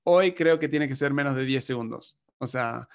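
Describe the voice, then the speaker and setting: A man's voice: mid-range voice, normal speed, gravelly. A man from the United States talking casually as a podcast co-host, explaining marketing in long runs and acting out clients in quoted voices. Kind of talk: casual conversational advice.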